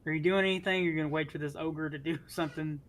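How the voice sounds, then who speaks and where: A man's voice: on the high side, steady tone, quick pace, fairly bright tone. Man running a casual tabletop game. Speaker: game master.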